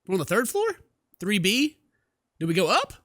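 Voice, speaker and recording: His high voice swings hugely in pitch, sounding a bit bright at a normal speed, as this gaming video host performs playful, theatrical let's play commentary, exclaiming and reading game text aloud. It's a dry recording from a close microphone at a desk, with faint game music underneath.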